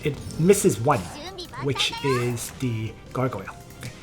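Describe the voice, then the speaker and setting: A woman with a low voice gives casual gameplay commentary, talking through each move step by step. Her delivery is relaxed yet lively in pitch. Faint game music plays behind her. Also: takes it slowly. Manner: relaxed, explains strategy step by step. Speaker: game video player.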